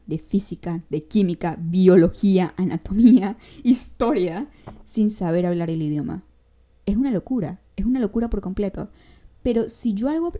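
Dark-toned Venezuelan woman podcaster. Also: mid-range voice. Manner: chatty, direct, addresses the listener with advice; uses casual slang. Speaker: podcast host. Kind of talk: casual solo podcast monologue.

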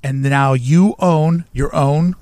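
A man chats as a podcast co-host, telling stories with plenty of animation and slipping into little quoted voices. His voice sits a bit high for a man. The sound is dry and close, with no room around it. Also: takes it slowly, a little mellow, dry recording. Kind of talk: casual chat.

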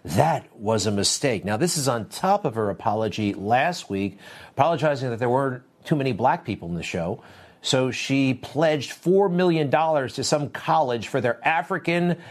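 Male talk show host, medium pitch, lively swooping intonation, wry, opinionated, conversational monologue. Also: moderate pace. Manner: wry, rhetorical questions and asides.

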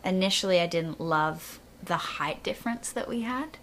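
A young woman tells her story in casual conversation, slipping into each person's voice as she goes. Her tone is bright and forceful. Her voice sits slightly low. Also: normal speed, a little hiss or hum. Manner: lively storyteller who acts out dialogue, laughs often. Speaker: guest. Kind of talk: casual interview chat.

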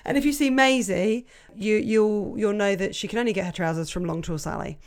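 A woman's voice: medium pitch, brisk. A woman co-hosting a podcast in casual chat, playful and teasing. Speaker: podcast co-host.

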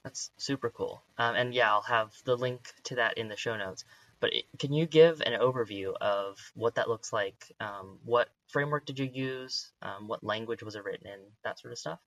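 A man's voice: mid-range voice, normal speed, fairly bright tone, dry recording, rough recording. A man hosting a podcast interview, asking curious, upbeat questions with frequent hesitations. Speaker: podcast host. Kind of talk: casual interview chat.

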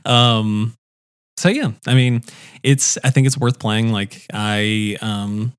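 A man's voice: on the low side, takes it slowly, smooth, no echo, studio quality. A young man co-hosting a casual podcast chat, rambling with lots of fillers and restarts. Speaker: podcast co-host.

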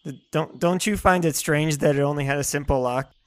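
A woman's voice: low-pitched, a little fast, dry recording, lightly acted. A woman voicing a nervous young male soldier who stammers and repeats his words. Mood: uneasy. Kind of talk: storybook character voice.

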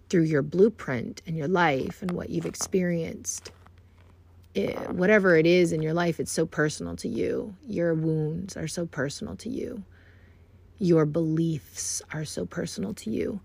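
A woman's voice: on the low side, vocal fry, slightly rough. A woman hosting a podcast from home, speaking in an earnest, reflective way and often addressing listeners directly as "you guys.". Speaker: podcast host. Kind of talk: casual self-help talk.

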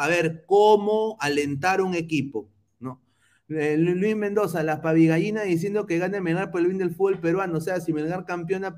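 A man hosting a football podcast in casual chat, teasing rival fans as he reads viewer comments. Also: on the high side. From Peru. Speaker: podcast host.

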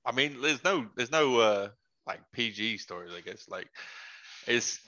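Bright-voiced man telling stories. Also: medium pitch, measured pace, highs cut off. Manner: animated storyteller, quotes friends in their voices, laughs often. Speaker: former basketball player, guest. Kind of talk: casual podcast chat, storytelling.

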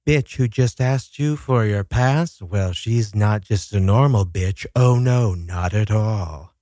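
Speaking slowly in a lowish, mellow voice, a podcast host who's getting a cold talks horror films alone on his casual show. He tells the stories with drama, chatty digressions, and a bit of profanity.

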